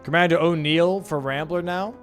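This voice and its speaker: A man's voice: a little high, normal speed, faint music behind. A young man casting a live video game match, calling the play casually and talking to his stream chat. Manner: casual, slangy, chatting with stream chat between calls. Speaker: caster. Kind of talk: live esports play-by-play commentary.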